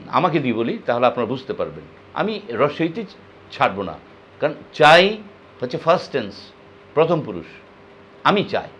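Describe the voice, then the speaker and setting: A man's voice: mid-range voice, a bit bright, muffled recording. Man teaching singers pronunciation. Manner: explains slowly, demonstrates words and sung phrases. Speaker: music teacher. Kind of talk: spoken music lesson on pronunciation.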